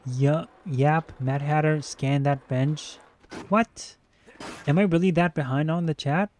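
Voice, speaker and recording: A man's voice: fairly high pitch, takes it slowly, darkish tone. A man streaming a video game who chats casually, rambling while he plays and answering his chat. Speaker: gaming streamer. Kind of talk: casual let's-play commentary.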